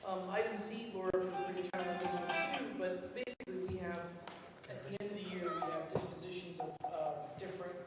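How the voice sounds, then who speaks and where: A man chairing the committee items at a city council meeting, brisk, with a dry, joking manner. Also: sits high, steady tone, loud music behind the voice. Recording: echoey council chamber, distant mic, noisy.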